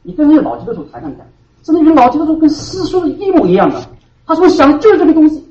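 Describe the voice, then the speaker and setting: A male pastor delivers a sermon with a lively, rising-and-falling pitch. He hammers key words, then sinks into hushed asides. He is heard from a distance in a roomy hall, through a dull, lo-fi recording. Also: racing. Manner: emphatic preaching, swinging between loud stresses and hushed asides.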